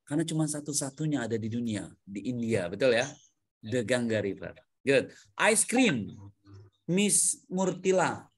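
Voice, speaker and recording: A man's voice: medium pitch, big pitch swings, measured pace, breathy edge. A man teaching an English grammar lesson to adult learners over a video call, coaxing answers, repeating them back and mixing English words into his explanations. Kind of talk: online class teaching.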